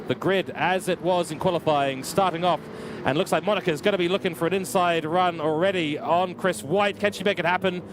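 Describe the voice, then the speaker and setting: A young man commentates a virtual motor race with steady energy that lifts at each incident. His voice sits a little high and sounds slightly worn. Constant car engine noise runs clearly behind him. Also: normal speed. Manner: energetic, rising with excitement at incidents. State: losing his voice. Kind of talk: live sim racing commentary.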